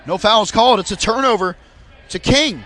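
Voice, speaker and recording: A young man calling basketball play by play in a rapid, auctioneer-like patter that rises on big plays. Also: sits high, pushed and bright. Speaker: play-by-play commentator.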